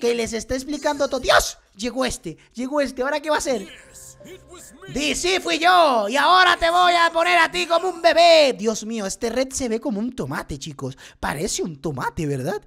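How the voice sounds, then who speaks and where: Excitable high-voiced woman reacting to a cartoon. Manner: excitable, keeps addressing viewers as "chicos". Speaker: gaming channel host. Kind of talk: animation reaction commentary.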